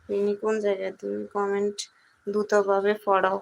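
A young woman from Bangladesh hosting a casual live stream, reading viewers' comments aloud and answering them in a soft, quiet voice. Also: mid-range voice, completely flat delivery, a little fast, vocal fry, rough recording.

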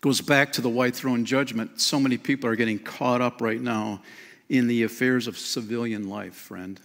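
A man's voice: medium pitch, steady tone, normal speed, gravelly, fairly bright tone. A middle-aged man preaches from a lectern on a church stage, his voice sitting in an ordinary middle register. He speaks with energy and emphasis, often calling listeners "man" and "friend". His words trail off into a long church-hall reverb. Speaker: pastor. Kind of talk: sermon. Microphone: lectern mic.

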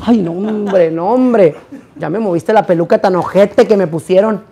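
Hoarse, foul-mouthed man, raised pitch. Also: moderate pace, warm tone. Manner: brash, profane, theatrical exclamations. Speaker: live stream host. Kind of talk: rowdy live stream banter. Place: indoors at a party.

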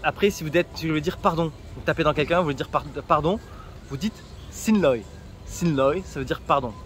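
A man's voice: on the high side, brisk, a bit bright, a little hiss or hum. Chatty man giving travel tips. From France. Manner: chatty, joking, direct advice to viewers. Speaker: travel vlogger. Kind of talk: casual travel tips vlog.

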